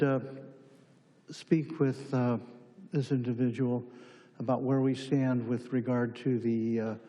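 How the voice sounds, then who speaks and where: A man chairing a formal meeting, speaking courteously and pausing between phrases. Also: mid-range voice, dark tone. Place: large indoor council chamber. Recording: reverberant hall sound.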